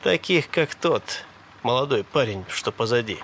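A man voicing a panicked passenger who pleads and shouts in a frantic way. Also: mid-range voice, expressive, normal speed, slight background noise. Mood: despairing.

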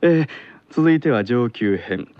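A man playing a calm teenage boy who teaches Kansai dialect in a radio skit, speaking with a Kansai accent in a patient, measured way. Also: medium pitch, no echo, lo-fi sound. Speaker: lesson host in a radio skit.

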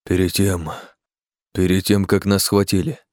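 A huge monster, once a man, rumbles low and shouts in distress, as a male audiobook reader voices him. The sound is close and dry. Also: flat delivery, measured pace, no echo. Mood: dazed.

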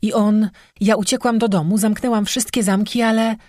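A man voicing a frightened, quick-tempered young woman in an audiobook, speaking breathlessly and indignantly. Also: mid-range voice, steady tone, darkish tone, no echo, clean studio sound, pitched above the performer's own voice, lightly acted. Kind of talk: audiobook character voice.

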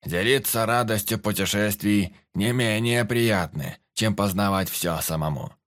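A calm, thoughtful man speaks in slow, measured phrases, as a male audiobook reader puts him on. Each word is placed deliberately. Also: on the low side.

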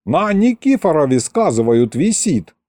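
A man voicing a gruff, wary bearded prince who speaks in old-fashioned phrasing. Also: fairly high pitch, big pitch swings, unhurried, dark tone, no echo, studio quality, pitched above the performer's own voice.

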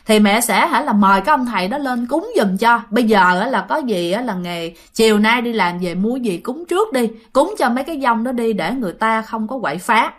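A caring mother giving matter-of-fact advice, as a woman narrator puts her on. The voice is fairly high. It is heard within a spoken ghost story. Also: animated, brisk, hardly any pauses. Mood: advising.

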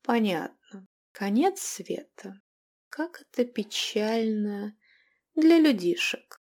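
A woman's voice: a little high, expressive, takes it slowly, a little mellow, voice pushed up, exaggerated voice. A woman voicing a scheming, ancient female vampire queen and witch in an audiobook, with a mocking, taunting and hissing manner. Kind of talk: audiobook character voice.

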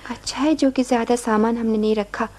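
Actress doing a nervous young wife, very high voice, timid, radio play. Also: female voice, steady tone, a little fast, very noisy, natural voice. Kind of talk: vintage radio drama acting.

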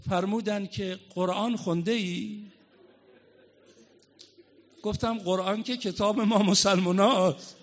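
A man with a high voice preaches a mourning sermon in a hall. He tells the story with rising passion and slips into slow, drawn-out chanting. The recording sounds dull and muffled. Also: steady tone.

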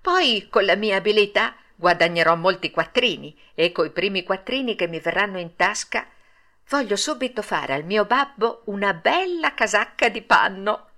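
A woman voicing an excitable wooden puppet boy in an Italian storybook reading, speaking high and eager. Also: moderate pace. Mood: dreamy.

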